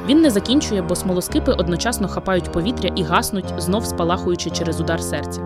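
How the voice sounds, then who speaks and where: A woman's voice: lowish voice, lively intonation, quick pace. Woman narrating a dramatic audio story over music. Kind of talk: second-person audio story reading. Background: background music.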